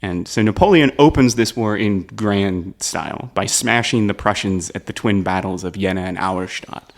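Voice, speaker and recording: A man's voice: lowish voice, normal speed, gravelly. A man telling a history story on a comedy podcast, casual, often checking in with "right?". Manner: explains with "right?" asides, laughs at the jokes.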